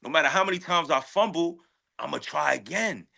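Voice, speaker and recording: Fairly high-pitched, expressive, and gravelly, the guest rapper's voice comes out pushed and bright at a fairly quick pace. He chats casually in the interview using heavy slang, emphatic and self-assured, repeating his phrases often.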